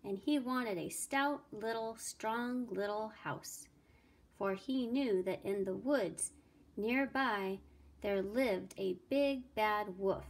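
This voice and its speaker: Slow, expressive woman reading a storybook. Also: a little high. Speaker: teacher reading aloud. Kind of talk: storybook read-aloud.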